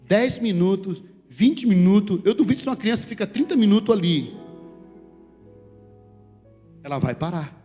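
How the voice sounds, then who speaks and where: Male pastor from Brazil, high voice, preaching a sermon, long hall echo, soft music behind. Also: moderate pace, long pauses. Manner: animated, shifts between loud calls and soft asides. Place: church sanctuary. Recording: reverberant church hall with faint music.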